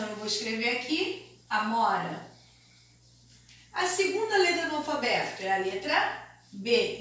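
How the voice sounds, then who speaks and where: High-voiced Brazilian teacher in an echoey room. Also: female voice, fairly bright tone. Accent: Brazilian Portuguese. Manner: slow, deliberate, sing-song explaining to young children. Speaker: primary school teacher. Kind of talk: remote primary school lesson. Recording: very echoey room, mic far off, faint hiss.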